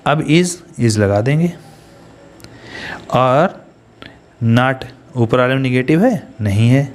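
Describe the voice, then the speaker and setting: A man's voice: medium pitch, animated, slow, darkish tone, a little hiss or hum. Indian man teaching English grammar. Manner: explains step by step, asks students questions. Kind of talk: Hindi-English grammar lesson.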